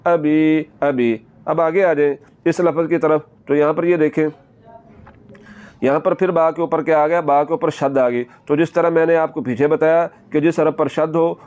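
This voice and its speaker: A man's voice: a little high, a little mellow. A male Quran teacher giving a patient, step-by-step recitation lesson, repeating each word several times and drawing out the long sounds.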